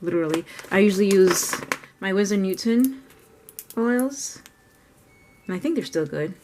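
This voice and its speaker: Woman, art vlogger, casual thinking-aloud chatter, mid pitch, clicking noise throughout. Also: lively intonation, moderate pace. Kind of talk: casual narration while painting.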